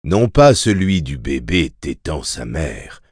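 A man narrating an audiobook in a measured, steady reading voice. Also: rumbling low, husky, no room sound, clean studio sound. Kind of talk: scripted narration.

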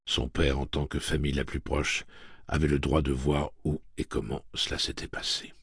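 A man reading a novel aloud as an audiobook narrator in a measured, dramatic way. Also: rumbling low, little pitch movement, fairly bright tone, breathy edge, dry recording, studio quality. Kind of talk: scripted narration.

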